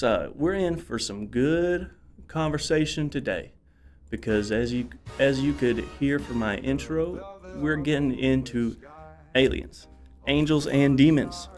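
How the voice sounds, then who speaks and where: A man hosting a casual talk show alone, energetic and rambling with many fillers, out of breath and coughing. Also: medium pitch, measured pace, soft background music.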